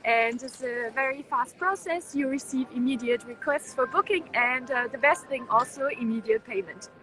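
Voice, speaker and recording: High-voiced young woman, street noise. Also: normal speed, sharp tone, low-quality recording. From Germany. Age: young adult. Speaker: vlog co-host and student. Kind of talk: casual city tour vlog. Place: outdoors in a city square. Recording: clear street noise behind.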